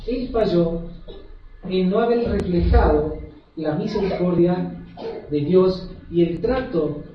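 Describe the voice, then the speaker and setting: A hoarse male preacher giving an emphatic sermon, often putting questions to the congregation. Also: high-pitched, takes it slowly, a little hiss or hum. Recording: echoey hall from far off, dull and lo-fi.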